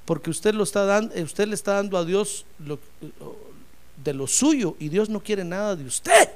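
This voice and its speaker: High, animated fervent male preacher. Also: moderate pace. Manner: fervent, addresses listeners as brother, acts out quoted voices. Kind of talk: sermon.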